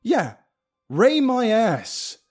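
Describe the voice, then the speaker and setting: A man voicing a paranoid young man who shouts frantically. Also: very high voice, huge pitch swings, extremely slow, faint music behind, voice pushed up, full character voice. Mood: panicked.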